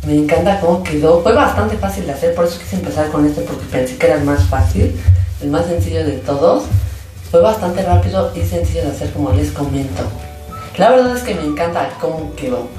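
Mellow and a little fast, a woman narrates a casual slime-making session with enthusiastic, sing-song delivery at a middle pitch. The indoor tabletop video shows only her hands, and the sound is very echoey and distant, with music in the background.

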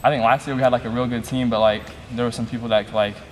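A young man in his late teens, a high school basketball player, answering interview questions casually and often saying like. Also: level tone, fast talker, long reverb tail, over music.

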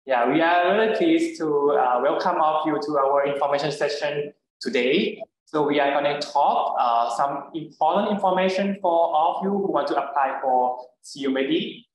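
Halting man presenting in an echoey room. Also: on the high side, a little hiss or hum. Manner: halting, with fillers and restarts. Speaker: faculty doctor presenting an information session. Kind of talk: online info session presentation.

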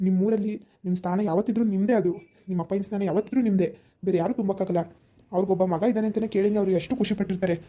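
A woman voicing a young son-in-law who calmly talks his mother-in-law round in a village family drama. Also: medium pitch, close to an everyday voice. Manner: persuasive, repeated appeals. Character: reasonable young son-in-law, calm persuader.

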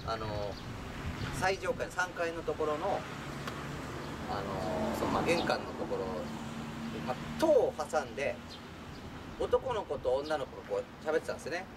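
A man's voice: on the high side, very animated, moderate pace, long pauses. A man telling a funny true story in a casual way, acting out the voices of the people in it and laughing as he goes. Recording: distant mic with clear background noise.

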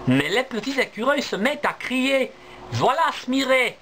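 A man, a language teacher, reading a story aloud for learners in a clear, deliberate, expressive way. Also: very high-pitched, a little hiss or hum.

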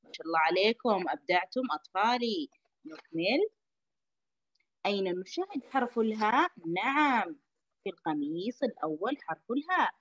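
A woman, a kindergarten teacher giving a lesson to young children. She speaks slowly and clearly and repeats each phrase. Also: medium pitch, very animated, a bit bright, no room sound, lo-fi sound.

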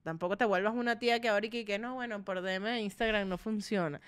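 Lively Venezuelan woman hosting a podcast. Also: medium pitch, quick pace, clear, resonant tone, dry recording, studio quality. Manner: animated, joking, slangy. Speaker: podcast host. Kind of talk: casual chat.

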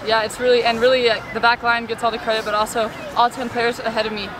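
A young woman goalkeeper answers quickly and eagerly after a match, repeating her praise. She sounds a little distant from the mic. Clear outdoor noise sits behind her. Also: a little high, flat delivery, a crowd in the background. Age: young adult. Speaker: college goalkeeper. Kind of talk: postgame interview answers. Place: outdoor soccer field at night.

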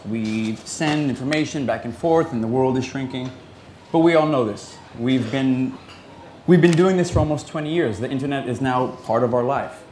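A young man from New York City giving a personal talk to an audience in an earnest, conversational and excited way. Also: medium pitch, slight background noise. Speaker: conference speaker.

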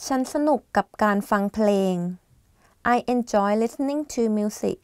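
A woman's voice: mid-range voice, rapid-fire, gravelly, a little mellow, clear, resonant tone, dry recording, studio quality. A woman in her twenties with a Thai accent, hosting a scripted language lesson on a lapel mic, chatty with friendly asides. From Thailand. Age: 20s. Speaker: language teacher host. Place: small studio, plain backdrop.

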